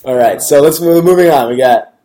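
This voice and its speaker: A man's voice: a little high, a little fast, warm tone. A man co-hosting a podcast in casual chat, hesitant and searching for words, laughing often.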